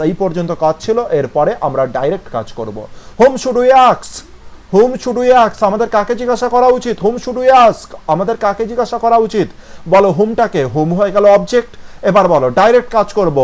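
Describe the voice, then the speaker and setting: High-voiced Bengali teacher explaining grammar. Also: male voice, darkish tone. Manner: explains step by step, keeps asking if students follow. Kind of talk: coaching class lesson.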